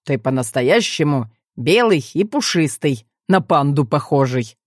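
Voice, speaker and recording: A plain-spoken gym jock who needles the frog with deadpan, rough teasing, as a woman reading the story plays him. His voice sits low and unhurried, with a lively, varied lilt. The sound is close and dry. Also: no echo. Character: blunt, cheerful young male athlete and guard.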